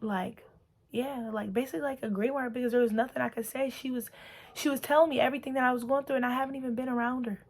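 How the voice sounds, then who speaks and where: A woman's voice: sits high, steady tone, fast. Earnest woman sharing her testimony. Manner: earnest and emotional, full of "like" and repeats. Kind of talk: personal testimony vlog.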